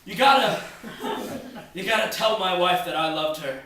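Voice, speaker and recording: A man plays a dying young soldier in a comic war melodrama, earnest and grandiose. His high, piercingly bright voice moves slowly through a very echoey room. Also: expressive. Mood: pleading, solemn. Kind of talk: comedic stage-style drama, old war-film melodrama. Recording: echoey room, distant microphone.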